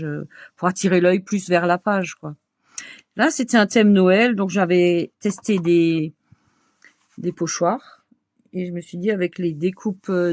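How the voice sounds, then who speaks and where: An older woman with a clear Alsatian French accent talks in a relaxed, homely way, full of little fillers and soft laughs. Her voice sits at an ordinary middle pitch. The sound is dry and close, with no room echo. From Alsace, France. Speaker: craft vlogger. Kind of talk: casual show-and-tell chat.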